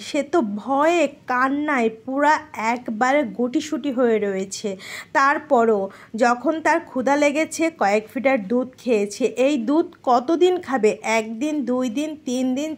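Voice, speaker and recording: A woman giving earnest, indignant commentary on a news story as a vlogger, pausing for effect. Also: sits high. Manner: earnest and indignant, with dramatic pauses.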